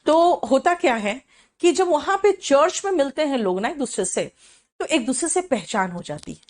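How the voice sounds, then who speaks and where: Chatty Indian teacher woman, slightly high voice. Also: lively intonation. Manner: explains in chatty Hindi, mixing in English phrases, with frequent "है ना?" check-ins; reads English definitions slowly and deliberately. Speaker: English teacher. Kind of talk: classroom vocabulary lesson.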